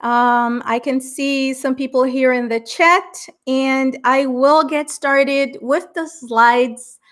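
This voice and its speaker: Her voice sits high and fairly bright, steady in tone and slow in pace. She's a middle-aged, Portuguese-speaking Brazilian running a live online English exam lesson, cheerful and talkative with frequent laughter, her Brazilian accent shaded by American English.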